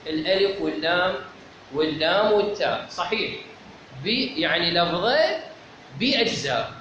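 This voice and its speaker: A man's voice: fairly high pitch, fairly bright tone. A man with an Iraqi accent teaching a seminary lecture on logic, methodical, asking rhetorical questions and answering them himself. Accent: Iraqi Arabic. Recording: very echoey, dull lo-fi, clear background noise.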